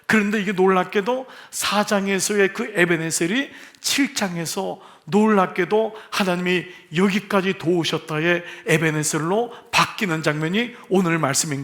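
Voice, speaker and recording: A man's voice: high-pitched, creaky, fairly bright tone. A man, the senior pastor, preaching a sermon in church and asking his congregation questions with light humor. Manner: asks the congregation questions and jokes with them. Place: church sanctuary.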